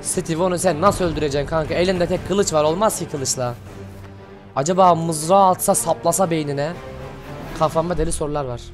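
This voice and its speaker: A man with a high-pitched voice delivers lively reaction commentary, cheering and shouting at what he watches in loose, slangy talk. Soft music plays faintly behind him. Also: a little fast. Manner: animated, shouts at the screen, slangy. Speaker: channel host reacting to an animation.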